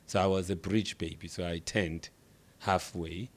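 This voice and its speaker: A middle-aged man from South Africa with a South African accent, a podcast guest speaking in a measured, reflective way who drives points home by repeating phrases. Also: deep voice, steady tone. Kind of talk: reflective interview talk.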